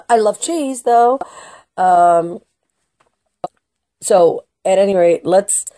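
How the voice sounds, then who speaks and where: Speaking extremely slowly in a warm, mid-range voice, a woman hosts a political talk radio show and delivers an emphatic, opinionated monologue. She restarts herself and now and then slips into Spanish phrases. The studio recording is clean, with no room sound.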